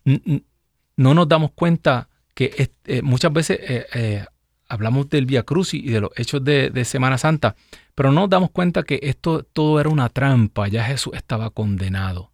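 Gravelly male radio preacher. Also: medium pitch, normal speed, no echo, studio quality. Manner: conversational, rhetorical questions, many restarts. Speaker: radio program host and preacher. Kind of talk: live radio Bible teaching.

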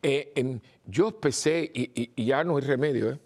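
An older male priest with a mixed Spanish accent, giving a rambling informal homily, repeating words and pausing with fillers. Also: medium pitch, darkish tone.

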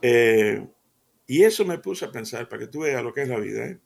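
A man's voice: mid-range voice, expressive, brisk, vocal fry, husky. An older man hosting a radio devotional, talking in an earnest, folksy way with many hesitant fillers.

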